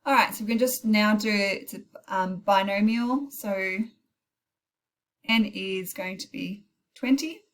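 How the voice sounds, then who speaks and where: With heavy rain pouring outside, a woman records an informal maths tutorial in an unhurried, mid-range voice. She reasons aloud through calculator steps, correcting herself along the way with short apologies.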